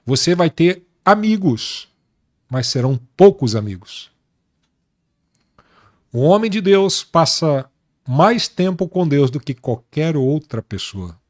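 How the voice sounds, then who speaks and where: A man with a somewhat high voice tells his faith testimony as a pastor in an interview. He speaks earnestly and takes his time. He stresses his points by repeating words. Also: sing-song, a little mellow. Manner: earnest, slow and emphatic, repeating words for weight.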